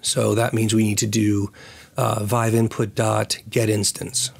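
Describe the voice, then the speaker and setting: A man with a raspy, hoarse voice recovering from losing it, hosting a casual programming tutorial and thinking aloud as he works. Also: on the low side, flat delivery, measured pace, slight background noise. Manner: thinks aloud while working. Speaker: tutorial host.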